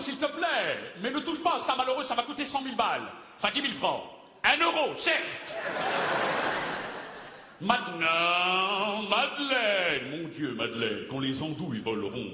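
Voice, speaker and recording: A man playing a pompous playwright who declaims with booming bombast, his voice high and swinging wildly in pitch. He sounds from a theatre stage with a long echoey hall reverb, under loud audience laughter and heavy noise. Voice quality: booming stentorian voice. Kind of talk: stand-up character sketch.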